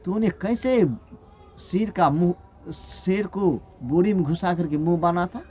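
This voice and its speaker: A man's voice: high-pitched, a little slow, mellow. A man voicing a cunning male fox acting as a village priest, scolding and sly, in a folk tale told aloud.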